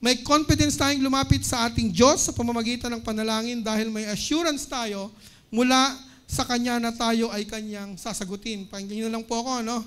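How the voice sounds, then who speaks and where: A woman with a Filipino accent delivers a church sermon in a high, bright register. She mixes Tagalog and English freely, caps her phrases with a questioning "no?", and slows down to press each word when she reads out a Bible verse. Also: fairly even intonation. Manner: Taglish, frequent tag "no?" after phrases. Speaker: preacher. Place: church service.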